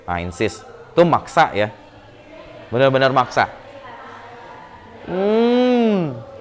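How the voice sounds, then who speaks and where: A man's voice: fairly high pitch, unhurried. A male English teacher with an Indonesian accent, explaining patiently in class and repeating words to drill pronunciation. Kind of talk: classroom lesson.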